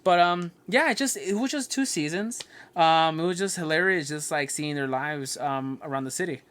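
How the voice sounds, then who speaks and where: A man's voice: a little high, normal speed, a bit bright. A man co-hosting a podcast, rambling casually with lots of "um" and sentences he starts over. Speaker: podcast co-host. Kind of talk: casual chat.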